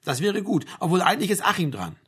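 Smug, aggrieved young man, read by a male narrator; husky, animated. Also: sits high, fast talker, pitched above the performer's own voice, exaggerated voice. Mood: gossipy, aggrieved. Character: scheming young male student, smug and indignant.

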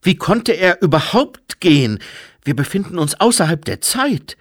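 A man's voice: high voice, sing-song, normal speed, no echo, studio quality, pitched above the performer's own voice. Man doing a bewildered, earnest young man.

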